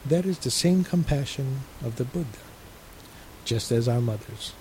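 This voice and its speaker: A male resident minister giving a calm, measured radio sermon and reading a letter. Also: mid-range voice, slight background noise, rough recording.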